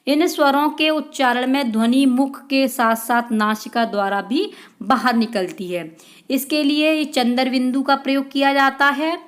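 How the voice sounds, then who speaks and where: A woman's voice: sits high, measured pace. A woman teaching an exam-prep lesson, reading out questions and answering them and calling her viewers friends.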